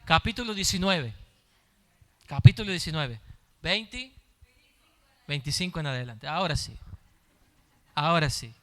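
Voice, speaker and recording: A man's voice: on the high side, lively intonation, unhurried, pauses often, a bit bright. A male pastor preaching a sermon, repeating his phrases and building in intensity as he goes.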